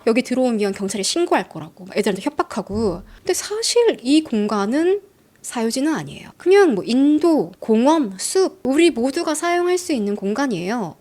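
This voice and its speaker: Woman storyteller, true-crime tale, high voice, very lively up-and-down, chatty, talks to listeners.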